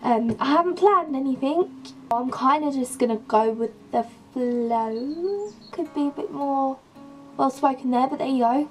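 A young woman, her voice a little croaky from a sore throat, pitched fairly high as she gushes and rambles about her things. She talks straight into a camera mic in her bedroom while soft music plays faintly underneath. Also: a little slow, poor audio. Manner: gushing, rambling, enthusiastic. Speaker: beauty and lifestyle vlogger. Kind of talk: casual chatty vlog.

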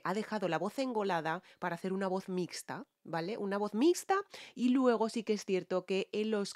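A woman's voice: on the low side, a little mellow, no room sound, clean studio sound. A woman from Spain with a Spanish accent, a singer and vocal coach who analyzes a song in a reaction video. She explains as she goes and keeps checking in with her viewers.

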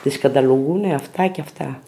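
A mother telling her family's story slowly and plainly in a documentary interview. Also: rumbling low, dark tone.

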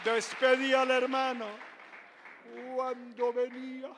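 Older Venezuelan pastor, unhurried and emphatic, preaching a testimony in a reverberant church. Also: male voice, very high-pitched, completely flat delivery, a crowd in the background, background noise. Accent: Venezuelan Spanish. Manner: dramatic, emphatic, bursts into shouts. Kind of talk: sermon testimony storytelling.

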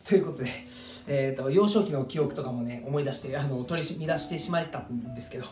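A man's voice: mid-range voice, fast talker, a little hiss or hum. Goofy Kansai man in an echoey room. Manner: goofy, swings into loud joking outbursts. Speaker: soccer player and vlogger. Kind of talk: comic mock-apology vlog. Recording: echoey room with background music.

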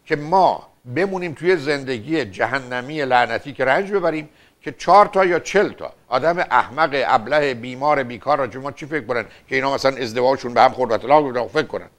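An older man hosting a call-in advice show as a family therapist, lecturing insistently with rhetorical questions. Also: medium pitch. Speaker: radio and TV family therapist host.

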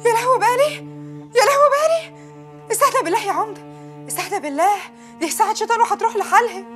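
A feisty young village woman in a film drama. Her voice is very high and quick, full of coy protests and anxious pleading, with music playing behind her. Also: animated. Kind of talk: film acting.

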